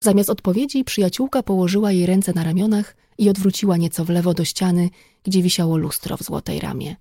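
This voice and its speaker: A woman reading an audiobook in steady, even scripted narration. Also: on the low side, a little fast, dry recording, clean studio sound.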